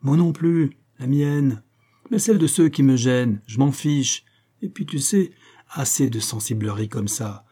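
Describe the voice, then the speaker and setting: Un homme qui joue un ancien vicomte criminel, froid et calculateur, au ton méprisant et cassant. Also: male voice, medium pitch, unhurried, dark tone, natural voice. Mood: angry. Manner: contemptuous, snapping, sometimes hissed. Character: cold scheming former viscount, criminal man.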